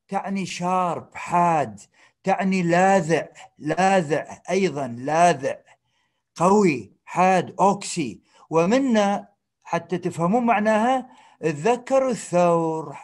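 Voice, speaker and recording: High-voiced Iraqi man lecturing. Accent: Iraqi Arabic. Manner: repeats each term and checks understanding with the class; mixes English medical terms into his explanations. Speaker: medical terminology lecturer. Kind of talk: classroom lecture.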